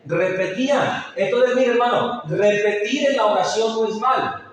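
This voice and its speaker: A man's voice: sits high, normal speed. A man preaching a sermon as pastor, calling his listeners brother and asking them questions. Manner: addresses listeners as brother, asks rhetorical questions. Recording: echoey hall, voice from far off.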